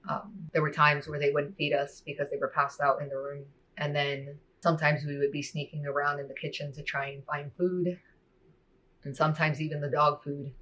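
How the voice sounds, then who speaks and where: A woman sharing a personal faith testimony in a soft-spoken, reflective way, often saying "you know" and "like.". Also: low voice, flat delivery, moderate pace, rough recording.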